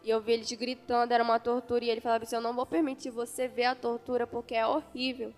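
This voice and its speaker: A woman's voice: on the high side, level tone, quick pace, in a large hall, faint music behind. A woman from Brazil with an Amazonas accent, earnestly telling her vision to a church congregation and quoting the dialogue. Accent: Amazonas Brazilian Portuguese. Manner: earnest storytelling, quoting the angel and herself in dialogue. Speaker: church member giving testimony. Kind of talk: testimony of a vision in a church service.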